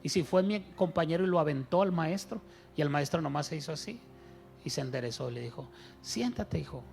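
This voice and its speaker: A man's voice: fairly high pitch, lively intonation, brisk, creaky, darkish tone, faint music behind. A man preaching a sermon as pastor, telling stories and asking his congregation rhetorical questions.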